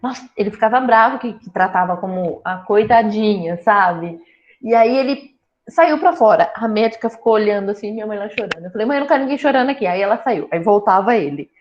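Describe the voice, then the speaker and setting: A woman telling her own cancer story in a casual talk, lively and joking as she acts out what people said. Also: medium pitch, fairly quick. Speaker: breast cancer patient sharing her story. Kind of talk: casual conversation. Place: small town in Brazil. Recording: dull lo-fi sound.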